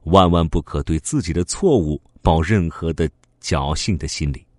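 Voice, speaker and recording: A man telling a story to children in an animated, sing-song way, drawing out his words. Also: extremely low pitch, normal speed, no echo, clean studio sound.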